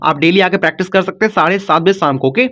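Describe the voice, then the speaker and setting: High-voiced man teaching spelling, coaxing. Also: fast talker, a bit bright. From India. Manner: repetitive, coaxing, says "ठीक" and "बच्चों" often. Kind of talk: step-by-step spelling lesson.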